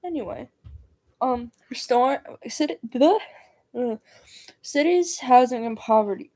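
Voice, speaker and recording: Rambling, high-voiced woman streamer. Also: lively intonation, measured pace, dark tone. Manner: rambling, stumbling over words, giggly. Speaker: livestreamer. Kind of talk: casual livestream chat while doing homework.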